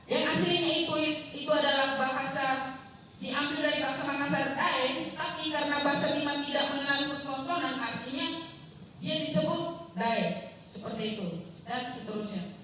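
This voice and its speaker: A young woman giving a seminar presentation, halting and apologetic, with many fillers and self-corrections. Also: sits high, fairly bright tone, a little hiss or hum. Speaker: student presenter. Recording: very echoey room, voice from far off.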